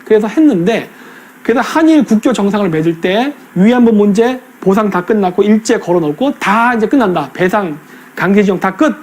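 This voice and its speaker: A man's voice: sits high, a little fast. A middle-aged man giving a casual, coarse-spoken commentary monologue, acting out voices in quotes. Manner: animated, acts out voices in quotes, coarse slang. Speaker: political commentator.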